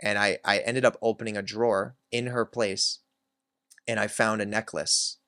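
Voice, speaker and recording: A man's voice: fairly low pitch, steady tone, normal speed, bright, forceful tone, dry recording. A man hosting his own channel, candidly telling a personal story in a reflective way, with many filler words. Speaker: self-help channel host.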